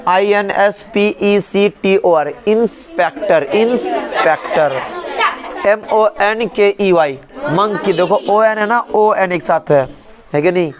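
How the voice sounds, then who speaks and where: A man's voice: high voice, slow pace, a crowd in the background. A male English teacher in a classroom, spelling words letter by letter and quizzing his class with repeated questions. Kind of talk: classroom lesson.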